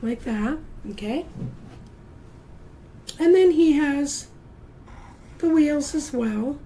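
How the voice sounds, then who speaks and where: Woman art teacher, high voice, slow and patient, encouraging, faint room hum. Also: animated, dark tone, poor audio. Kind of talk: step-by-step drawing lesson for children.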